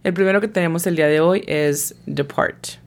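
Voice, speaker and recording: A woman's voice: lowish voice, moderate pace. A woman teaching an English lesson who patiently spells out each word's pronunciation letter by letter. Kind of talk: scripted language lesson.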